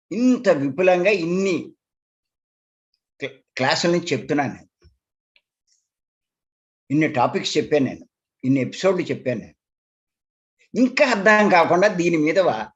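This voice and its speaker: Earnest man giving a spiritual talk. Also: on the high side. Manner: earnest, repetitive, emphatic explanation. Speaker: meditation teacher. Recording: dull lo-fi recording.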